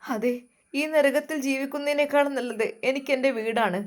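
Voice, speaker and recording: A woman's voice: sits high, fairly even intonation, moderate pace, close to an everyday voice. A woman as a tearful, defiant young wife. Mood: desperate.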